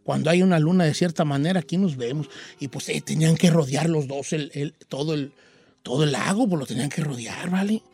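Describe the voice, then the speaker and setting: A man's voice: on the high side, fairly quick, gravelly, slightly rough. Mexican man telling a story playfully. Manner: playful, animated, many fillers. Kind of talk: casual comic storytelling among friends.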